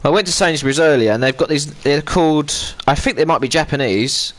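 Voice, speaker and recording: A man's voice: on the high side, fairly quick, a bit bright, a little hiss or hum. A man chatting loosely through live gameplay as a streamer, rambling and breaking off mid-sentence. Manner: rambling, chatty, self-interrupting. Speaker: gaming streamer.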